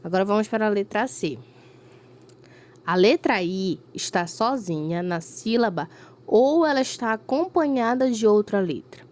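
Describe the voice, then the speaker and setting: A woman's voice: mid-range voice, expressive, normal speed, a little mellow. A woman teacher, giving a recorded lesson to a fifth-grade class and explaining patiently step by step with frequent check-ins. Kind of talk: recorded remote school lesson.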